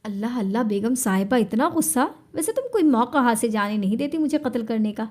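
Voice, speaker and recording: A woman's voice: on the high side, darkish tone, lightly acted. A woman voicing a possessive young husband in an audiobook, swinging between teasing and pleading.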